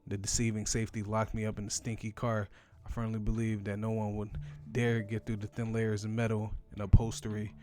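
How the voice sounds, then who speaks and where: A man reading a horror visual novel's text aloud while playing it, in a monotone narration. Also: on the low side.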